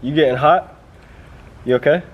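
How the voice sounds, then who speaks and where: A man's voice: fairly high pitch, moderate pace, highs cut off, a little hiss or hum. A young American man in an informal, slangy chat, asking questions as the interviewer. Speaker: grandson interviewing his grandfather. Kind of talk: casual chat.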